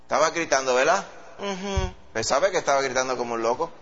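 A man preaching a sermon with a Puerto Rican accent, animated and acting out quoted voices. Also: quick pace. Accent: Puerto Rican Spanish. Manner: animated, acts out quoted voices in a high pitch. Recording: dull lo-fi sound.

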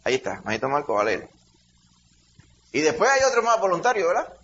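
A middle-aged man with a Dominican accent, a pastor leading a Bible study by telling a lively childhood story with shouted sound effects. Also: a little high, fast. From Dominican Republic. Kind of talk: preaching through a personal story. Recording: dull lo-fi sound, faint hiss.

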